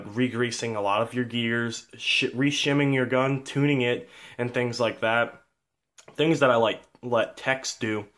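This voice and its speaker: A man giving a casual show-and-tell vlog about his airsoft gun, rambling and halting with lots of fillers and restarts, easygoing and self-deprecating. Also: medium pitch, a bit bright.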